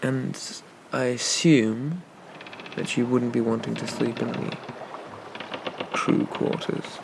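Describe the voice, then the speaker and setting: Man playing a slow, gravelly flirty pirate captain, ASMR role-play. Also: mid-range voice, steady tone, background noise. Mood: teasing, courting. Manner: leisurely, teasing, roguish, murmured asides. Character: flirty, teasing gentlemanly male pirate captain.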